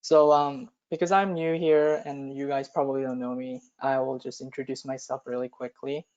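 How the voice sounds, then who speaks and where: A man's voice: medium pitch, flat delivery, moderate pace, darkish tone, clean tone. Hesitant man teaching an online class. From South Korea. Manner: hesitant, many ums and uhs. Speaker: cadet instructor. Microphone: video call. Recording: muffled video call audio.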